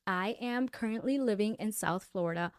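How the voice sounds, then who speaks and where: A young woman from Honduras hosting her faith podcast, chatting directly and warmly with her listeners. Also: mid-range voice, normal speed, dry recording, studio quality. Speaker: podcast host. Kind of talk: casual faith podcast monologue.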